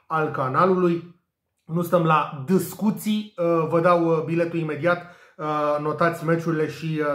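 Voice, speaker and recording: Man, fairly high voice, hesitant, lots of filler sounds, echoey room. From Romania. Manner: hesitant, many filler sounds, jokey asides. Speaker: betting tipster. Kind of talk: casual tips monologue.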